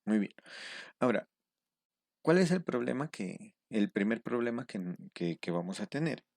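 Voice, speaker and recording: A man teaching step by step in a screen-recorded tutorial. He pauses often to check in with his students. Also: mid-range voice, big pitch swings, gravelly, a little mellow, no room sound, clean studio sound. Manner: patient step-by-step explaining, checking in with a questioning "mm". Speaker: instructor.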